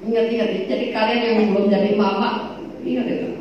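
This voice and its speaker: A woman religious teacher giving a chatty study lecture to women, teasing and joking as she goes, and reading Arabic text slowly before explaining it. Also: fairly high pitch, steady tone, slight background noise. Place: large echoey hall at a boarding school. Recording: very echoey, distant, muffled.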